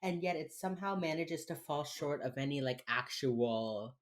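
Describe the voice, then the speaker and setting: An American woman with a Miami accent, co-hosting a casual podcast chat in an informal, sweary, halting way. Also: low-pitched, animated. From United States. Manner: informal, sweary, halting with many filler phrases. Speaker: podcast co-host.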